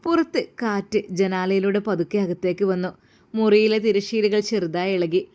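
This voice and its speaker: A woman storyteller narrating a story in a calm, gentle way. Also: mid-range voice, normal speed. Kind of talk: scripted narration.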